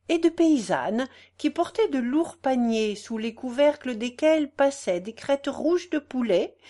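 A woman reading a story aloud as the narrator. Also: on the high side. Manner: slow and expressive.

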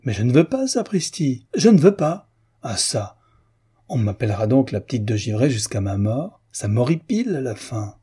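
A man reading aloud and voicing a spirited, quick-tempered young society woman who teases and flares up. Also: on the low side, lively intonation, mellow, slightly rough. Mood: indignant. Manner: teasing, then indignant outbursts. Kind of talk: audiobook character voice.

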